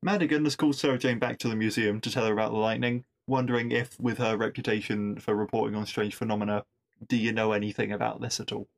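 Talking fast with vocal fry, this podcast host who reviews episodes recaps a TV show in a steady, lowish voice. His manner is chatty and wry, full of asides, and he keeps restarting and repeating words as he thinks.

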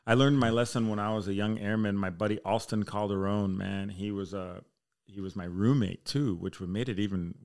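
Steady and a little mellow, this lowish male voice moves fairly quickly as a thirty-something fire chief chats on a podcast. He's relaxed, curses freely, and drifts through rambling stories.

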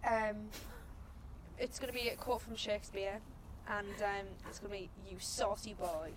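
A woman's voice: mid-range voice, steady tone, normal speed, background noise. A woman in her late teens hosting a casual chat podcast with friends, chatty and giggly, rambling with fillers. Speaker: podcast host.

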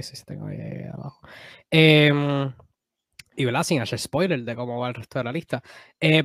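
A man co-hosting a casual sports debate podcast, talking in animated quick bursts and correcting himself as he goes. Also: medium pitch, vocal fry, dry recording, clean studio sound. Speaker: podcast co-host.

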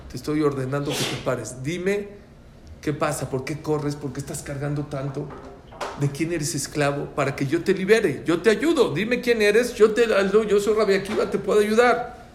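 A man's voice: fairly high pitch, steady tone, moderate pace, reverberant, a little hiss or hum, natural voice. A man voicing an insistent, kindly old sage in a told story. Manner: insistent, raised voice.

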